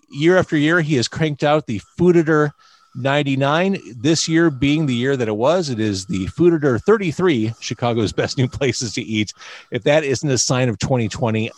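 Male host, mid-pitched voice, very dry sound, casual, wordy, emphatic repetition. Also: no room sound. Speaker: podcast host. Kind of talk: casual hosting and interview talk.

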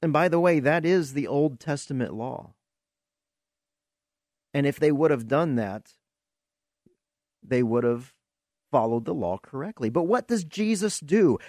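An earnest man teaches from scripture on his podcast, in a preaching style full of rhetorical questions. His voice sits a little high and moves at an unhurried pace. The recording is close and dry. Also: lively intonation, darkish tone, no room sound. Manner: earnest, asks rhetorical questions, repeats words as he searches. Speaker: podcast host and Bible teacher.

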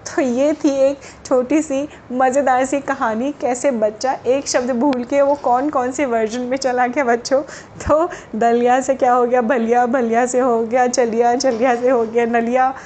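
A woman storyteller reads a tale to children in a lively way, turning to them directly as she goes. Her voice sits somewhat high. A faint hum of ambience stays in the background. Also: moderate pace.

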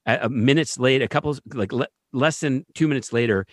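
Male guest telling a story, animated, mid-pitched voice, dry close sound. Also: brisk, dry recording. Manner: animated, keeps asking "right?". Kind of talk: casual storytelling.

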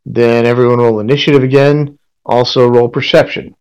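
남자 게임 마스터, 더듬더듬 이어가는 서술. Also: male voice, medium pitch, level tone, a little mellow, clean tone, lo-fi sound. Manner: halting, pieces descriptions together as he goes. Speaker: game master. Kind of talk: narrating a tabletop role-playing game.

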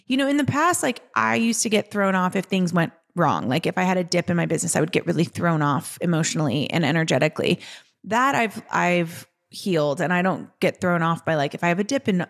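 A woman's voice: medium pitch, creaky. A woman hosting her own podcast, talking casually in a chatty monologue full of "like". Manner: chatty, peppered with "like". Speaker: podcast host.

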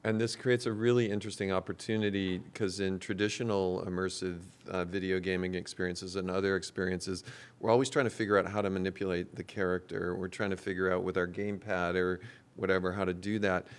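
A man hosts a relaxed panel conversation, working through ideas in a measured, thoughtful way and turning them into questions for the others. His voice sits very low, with a smooth, clean resonance. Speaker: host and company executive.

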